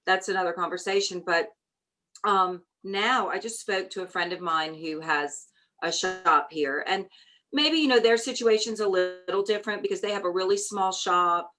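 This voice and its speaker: A woman from New Orleans, a shop owner talking as an interview guest, telling her story in a chatty, animated way. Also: lowish voice, normal speed, low-quality recording. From New Orleans, USA. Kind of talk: casual conversational interview.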